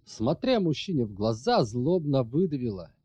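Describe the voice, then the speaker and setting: A man narrating an audiobook in an expressive, dramatic reading. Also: mid-range voice, moderate pace, husky, no room sound.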